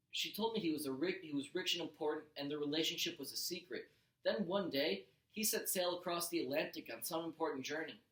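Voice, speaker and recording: A medium-pitched man's voice with a bright, forceful tone reads a children's audiobook aloud, expressive and animated like a teacher addressing a class. He now and then stumbles and corrects himself, and the room sounds echoey.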